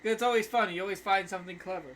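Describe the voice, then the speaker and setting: A man's voice: high voice, racing, a bit bright, slight background noise. A young man co-hosting a podcast in casual, slangy chat, laughing often. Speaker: podcast co-host.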